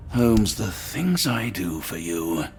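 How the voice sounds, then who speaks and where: A man playing an earnest, weary English doctor in a video game, polite and measured with a dry, wry streak. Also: low voice, sing-song, a little mellow, soft background music, full character voice. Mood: wry exasperation.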